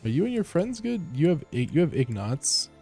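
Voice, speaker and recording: A man's voice: a little high, big pitch swings, fairly quick, vocal fry, dark tone, breathy edge, faint music behind. A man streaming from home through a headset mic, chatting casually as he plays, rambling with lots of fillers and restarts. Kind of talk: casual live gameplay commentary.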